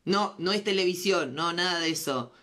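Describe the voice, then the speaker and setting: A woman's voice: fairly low pitch, moderate pace, fairly bright tone. An Argentine woman hosting a comedy live stream, chatting playfully and teasing as she answers viewer comments. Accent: Argentine Spanish. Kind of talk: casual live-stream chat.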